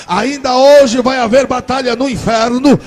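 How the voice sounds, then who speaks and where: A man acting out a fervent evangelical woman who prays and prophesies, with a husky voice. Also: sits high, steady tone, unhurried, voice pushed up. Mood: fervent prophecy. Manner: prophetic, proclaiming, shouting.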